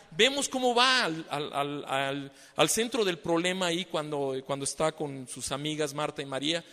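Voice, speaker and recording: Male preacher, high voice, easygoing sermon with constant "¿no?", echoing church hall. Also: fairly bright tone. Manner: conversational, tags many lines with "¿no?"; repeats and restarts words.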